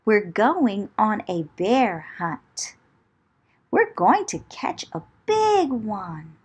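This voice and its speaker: With big pitch swings and drawn-out words, a woman with a slightly rough, mid-range voice reads a picture book to children. As a storyteller she's dramatic and theatrical, chanting rhythmic phrases and using whispers and exclamations.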